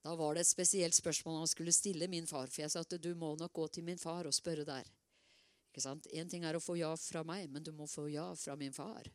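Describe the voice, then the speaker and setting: A middle-aged woman preaching a sermon in a lively, conversational way, with many asides and repeated words. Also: low voice, no room sound.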